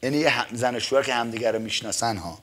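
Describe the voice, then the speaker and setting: A middle-aged man preaching a sermon, reading scripture slowly and emphatically and peppering his talk with amens and hallelujahs. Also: mid-range voice, fairly bright tone. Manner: says some words are hard for him to pronounce. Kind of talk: Persian church sermon.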